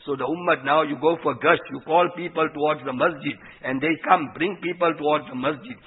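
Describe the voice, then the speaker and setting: A man's voice: a little high, steady tone, a little fast, husky. A man giving an informal, earnest Islamic sermon, teaching through rhetorical questions and explained quotations. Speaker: Islamic preacher. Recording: dull, lo-fi radio-like sound.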